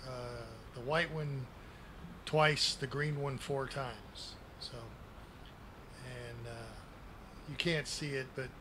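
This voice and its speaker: A man in his sixties with a folksy grandpa manner talks through a game tour in plain, casual language. His delivery is unhurried and his pitch sits in an ordinary male middle range. He speaks into a desk microphone, with clear noise on the home recording. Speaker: gaming video creator giving a base tour.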